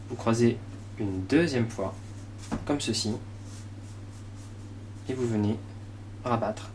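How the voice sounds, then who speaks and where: A man's voice: medium pitch, darkish tone. French man demonstrating a recipe, noisy background. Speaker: cooking show host. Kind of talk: casual step-by-step recipe demonstration. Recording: clearly noisy room ambience behind voice.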